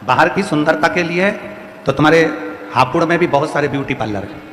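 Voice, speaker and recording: A man's voice: a little high, lively intonation, brisk, fairly bright tone. Male preacher, central Indian Hindi accent, exhorting, repetitive cadence, echoey live hall. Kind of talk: devotional sermon to a crowd. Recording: echoey hall with faint music.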